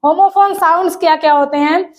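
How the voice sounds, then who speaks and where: Female teacher, very high pitch, explains step by step with rhetorical questions and slow read-out definitions. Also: a little mellow. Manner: reads definitions slowly. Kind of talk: exam-prep language lesson.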